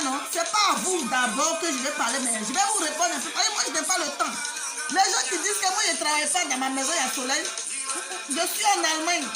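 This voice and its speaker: Loud music plays behind a woman in French. She talks directly to her online audience. Her delivery is emphatic and indignant, with phrases repeated to press the point. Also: high voice. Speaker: social media video creator. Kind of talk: direct address to online followers. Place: inside her home in Germany.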